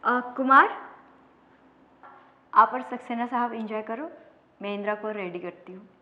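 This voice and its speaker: Woman playing scheming crime-drama boss lady, coaxing, confident, higher-pitched, reverberant room. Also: measured pace, sharp tone. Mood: bossy, smooth. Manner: coaxing, self-assured. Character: scheming, flattering female boss Priya, smooth persuader. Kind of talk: low-budget Hindi crime drama acting. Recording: roomy, echoing, dull low-budget sound.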